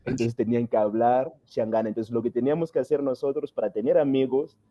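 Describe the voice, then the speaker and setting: Guy on a podcast, really mellow dark voice, kinda muffled audio, keeps restarting words. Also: mid-range voice, fairly even intonation, fast talker. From Mozambique. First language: Portuguese. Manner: hesitant, restarts words, thinks aloud. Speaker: podcast guest, dance teacher. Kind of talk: casual interview chat.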